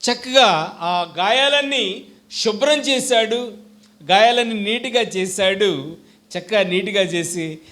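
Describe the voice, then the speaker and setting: A man with a Telugu accent preaching a sermon, who keeps quizzing his congregation with questions and swings between loud calls and quiet asides. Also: high-pitched, slow, pauses often. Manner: call-and-response questions to the congregation.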